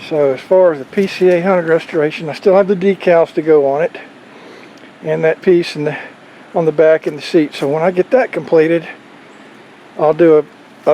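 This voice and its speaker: A man's voice: on the high side, a little mellow, a little hiss or hum. Folksy man giving a casual vlog update. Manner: folksy, rambling, plain-spoken. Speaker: motorcycle vlogger. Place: outdoors on a farm.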